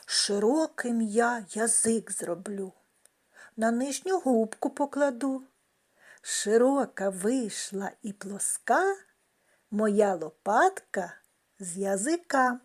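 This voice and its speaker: A woman teaching young children a speech-sounds lesson, talking slowly and carefully in a sing-song way. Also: fairly high pitch, expressive, darkish tone. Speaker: kindergarten teacher.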